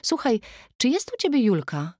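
A woman's voice: fairly high pitch, sing-song, normal speed, dark tone, dry recording, studio quality, voice pushed up. A woman narrating an audiobook, voicing a worried, defensive young husband in clipped, urgent lines. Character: young adult man, anxious, defensive husband.

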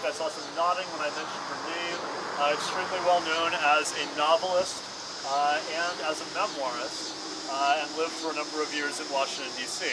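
A young man leading a walking tour of a city street for a group, earnest and full of filler "uh"s, recorded outdoors by a camera a few meters away. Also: a little high. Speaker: tour guide. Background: loud street traffic.

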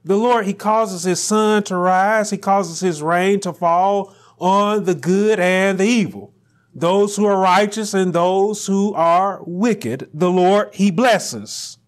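A middle-aged man preaching a sermon from a pulpit in a small church room, building to near shouts on key lines. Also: sits high. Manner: rising to near shouts on emphatic lines, slow deliberate phrasing. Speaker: pastor.

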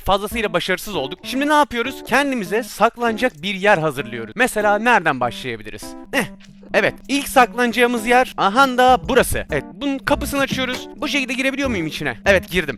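Super high-voiced guy yapping fast thru a vr game, excited and chatty with his viewers. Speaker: gaming YouTuber. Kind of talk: VR gameplay commentary.

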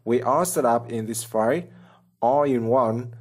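A coding channel host speaks in a mid-range voice at a measured pace, voicing over his screen recording. The explanation is plain and step by step, in simple non-native wording.

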